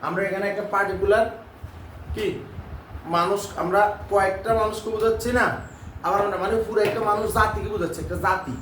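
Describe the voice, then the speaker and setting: Male teacher, high voice, drilling lines in a roomy classroom, mic far off. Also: fairly even intonation, quick pace, fairly bright tone, a little hiss or hum. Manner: keeps checking that students understand; drills lines by repeating them. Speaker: English teacher. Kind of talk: classroom lesson. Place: classroom with students.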